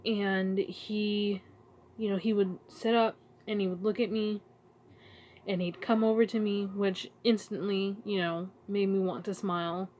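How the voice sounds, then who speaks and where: A woman talking to her channel in a casual, emotional vlog, halting and searching for words as she grows tearful. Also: mid-range voice, flat delivery, darkish tone. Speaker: vlogger. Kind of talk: casual heartfelt vlog talk.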